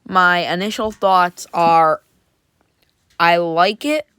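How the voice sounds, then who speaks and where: A woman's voice: on the low side, takes it slowly, fairly bright tone, clean tone, no room sound. A woman casually reviewing Halloween props, chatty and enthusiastic with lots of fillers. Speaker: prop reviewer.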